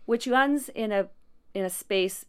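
Smooth-voiced woman telling stories. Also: mid-range voice, measured pace. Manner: warm storytelling with frequent restarts and small laughs. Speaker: director at a non-profit support agency. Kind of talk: conversational interview answer.

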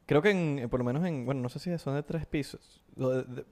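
A man's voice: medium pitch, fairly quick, a little mellow. A man with a Venezuelan Spanish accent co-hosting a podcast in casual chat, teasing and often trailing off mid-thought. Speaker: podcast co-host.

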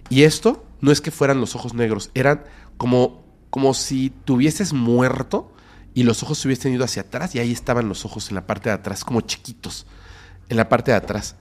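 Mexican man telling a spooky tale. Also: medium pitch. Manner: dramatic, drops to whispers and bursts of loudness. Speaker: podcast guest. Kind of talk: storytelling in a podcast interview.

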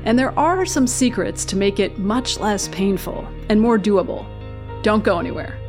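Female host, medium pitch, narrated links and questions, light music bed. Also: expressive, moderate pace. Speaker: show host. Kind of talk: scripted narration and interviewing.

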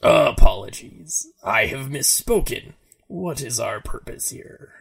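A performer voicing a robot pirate first mate in a game, formal, disapproving, pedantic and deadpan. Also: mid-range voice, takes it slowly, vocal fry, breathy edge, heavily acted. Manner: stilted, overly formal, deadpan.

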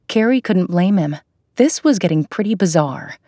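A woman giving a measured, scripted narration of an audio fiction story. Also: on the low side, expressive, warm tone, no room sound, clean studio sound.

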